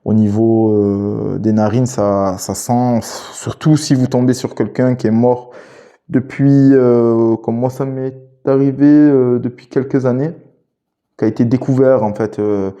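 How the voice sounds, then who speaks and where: Male cop, relaxed hesitant gear talk, warm dark voice. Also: medium pitch. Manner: hesitant, many filler pauses, relaxed slang. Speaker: police officer and gear channel host. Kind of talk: casual gear chat to camera.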